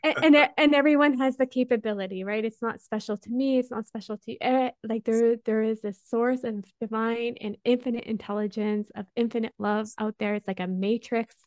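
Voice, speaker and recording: A woman in a casual conversation, talking in an animated way, often laughing and asking "right?". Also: fairly high pitch, fairly quick, hardly any pauses, dry recording.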